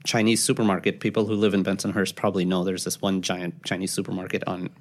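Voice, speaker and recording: A man, a podcast guest who tells stories in a casual, animated way. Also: low voice, quick pace. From Pakistan. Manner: animated storyteller, acts out quoted voices. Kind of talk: casual storytelling interview.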